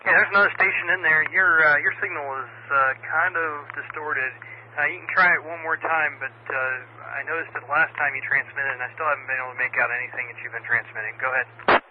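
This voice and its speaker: A man's voice: a little high, fairly even intonation, fast. An American man working as an amateur radio net controller, reading out weather bulletins and call signs in a procedural way over a two-way radio. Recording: phone-like radio audio with static noise.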